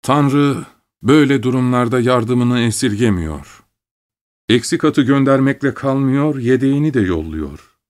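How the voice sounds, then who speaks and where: A man narrating a literary story in the first person, reading at a measured pace. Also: medium pitch, animated, a little mellow.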